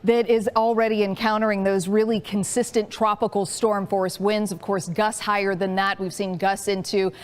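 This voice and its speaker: A woman presenting a live, unscripted weather forecast in an explanatory manner with measured emphasis. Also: mid-range voice, flat delivery.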